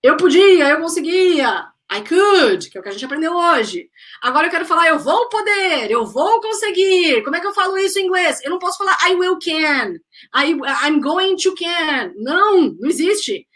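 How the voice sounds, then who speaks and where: Extremely high-pitched, very animated, and fairly bright, this voice moves a little fast on a rough recording. It belongs to a Brazilian woman giving a live online English lesson in a mix of English and Portuguese, explaining step by step, checking in with students, and speeding up in Portuguese.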